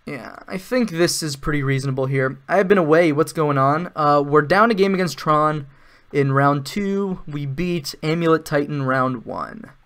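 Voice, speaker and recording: A man's voice: a little high, normal speed, fairly bright tone. A man giving casual live-stream commentary while playing an online card game, thinking aloud, with sarcastic asides.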